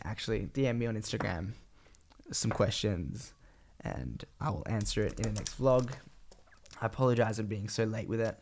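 A young Australian man with a croaky, phlegmy, congested voice, sick with a cold, rambling casually and slangily on a solo podcast. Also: on the low side, darkish tone. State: sick with a cold, voice partly gone. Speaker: podcast host and vlogger.

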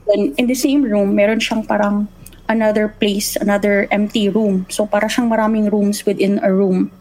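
A woman's voice: medium pitch, moderate pace, rough recording. A young adult woman telling a personal ghost story in casual chat, acting out the voices she quotes. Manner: animated, acts out quoted voices.

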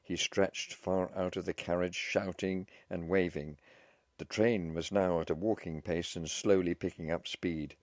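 A man narrating a story in a measured, scripted audiobook reading. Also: low voice, steady tone, a little mellow, no room sound, studio quality.

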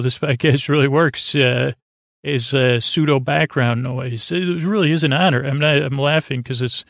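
Here's a sleep podcast host, a man whose creaky voice sits at medium pitch, captured with clean, dry studio sound. He rambles through bedtime talk to help people fall asleep, pausing haltingly, being mildly goofy, and drifting into repeats and wordplay.

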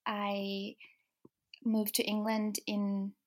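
A young woman from Denmark, an author interviewed as a guest, speaking softly with many ums and restarts. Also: medium pitch, monotone, very slow. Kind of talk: casual interview.

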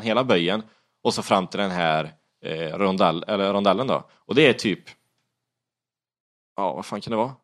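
A young man casually retelling a story, animated, swearing often and acting out his own panic. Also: fairly low pitch.

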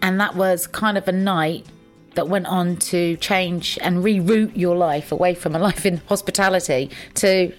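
A woman's voice: fairly low pitch, fairly even intonation, measured pace, faint music behind. A woman hosting a podcast and interviewing a guest with poised, structured questions. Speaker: podcast host.

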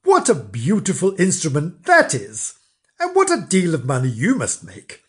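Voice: mid-range voice, moderate pace, husky, heavily acted. Mister Vinegar, eager foolish countryman, read aloud. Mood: eager wishful. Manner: eager, wistful, excitable.

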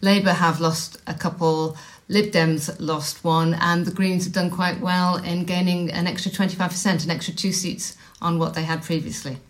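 A woman, giving measured, slightly hesitant answers as a guest in a panel interview. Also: lowish voice, little pitch movement. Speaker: podcast guest, national director of a social work body.

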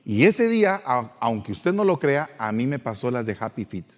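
A middle-aged man, telling a personal story in a playful, animated way. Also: medium pitch, normal speed, in a large hall. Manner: animated, playful, acts out voices. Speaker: podcast host.

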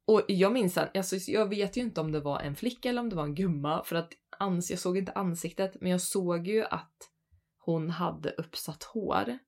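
A Swedish woman in her thirties, co-hosting a podcast and telling a spooky personal story in an animated, chatty way. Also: on the low side. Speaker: podcast co-host. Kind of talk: casual storytelling chat.

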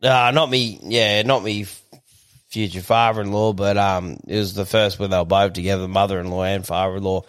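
A man's voice: fairly low pitch, steady tone, brisk, a bit bright. An Australian man in casual banter, talking like a tradesman in a blunt, crude and slangy way.

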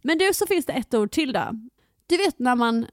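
A young woman from Halmstad with a Halland Swedish accent, co-hosting a casual chat podcast, animated and often laughing. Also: high voice, no room sound, clean studio sound. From Halmstad, Sweden. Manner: animated, laughing, mimics pronunciations. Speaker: podcast co-host.

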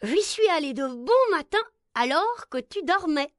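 A lazy, sly little male earwig, as a woman storyteller puts him on whines and wheedles in a very high, squeaky voice. He drags his words out slowly and sounds falsely sweet. The storybook reading is dry and close. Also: very animated, no echo.

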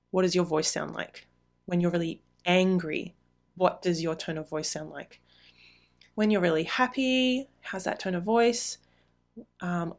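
A middle-aged woman hosting her own podcast, with a lowish voice and a touch of vocal fry. She talks in an earnest, encouraging way, chatty and warm in tone, breaking into light laughs. It is solo podcast talk aimed straight at the listener. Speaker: podcast host.

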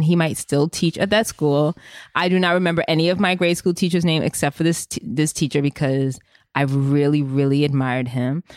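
A woman hosting a podcast, telling a personal story in casual chat, rambling with many fillers and getting animated and emotional. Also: low-pitched, no echo, clean studio sound. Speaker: podcast host.

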